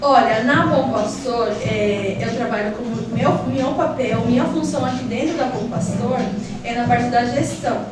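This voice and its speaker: Over loud music, a Lima-born school manager with Spanish as her first language chats warmly as an interview guest, her high voice peppered with "então, assim." She speaks at a moderate pace. The recording is echoey and distant, with background noise throughout.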